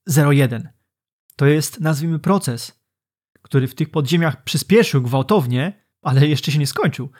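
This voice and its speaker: A man's voice: a little high, slightly rough. Man co-hosting a book podcast. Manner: conversational, explanatory. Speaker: podcast co-host.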